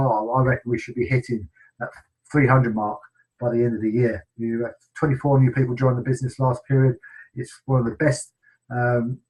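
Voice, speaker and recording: A man's voice: mid-range voice, poor audio. A middle-aged man with an English accent, hosting a team sales webinar in a casual, enthusiastic way with many ums and restarts.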